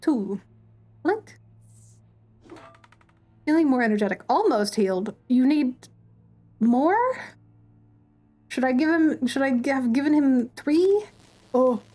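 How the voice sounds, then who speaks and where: Sweary, high-voiced woman streamer. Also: animated, slow pace, long pauses, mellow. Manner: swears freely, reacts aloud to the game; reads in-game text aloud while playing. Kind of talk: casual gameplay commentary.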